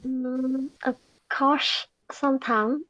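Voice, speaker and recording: A woman who is a beginner English learner, answering practice speaking questions and searching for words with long pauses. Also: sits high, steady tone, bright, forceful tone, dry recording, dull audio.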